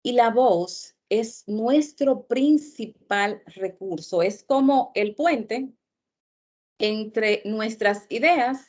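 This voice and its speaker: A woman teaching an online public speaking workshop, speaking deliberately and repeating key terms for emphasis. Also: on the high side. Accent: Latin American Spanish.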